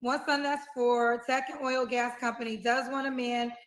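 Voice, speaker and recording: Female dating-show host: high, bright, brisk, echoey room. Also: little pitch movement. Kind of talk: hosting. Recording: roomy echo.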